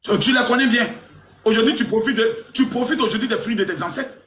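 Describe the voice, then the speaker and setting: Man, 40s, high voice, crude teasing streamer, roomy sound with faint noise. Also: a little fast. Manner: crude, teasing, mock-indignant, swings loud and low. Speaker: live stream host. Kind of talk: provocative live stream banter.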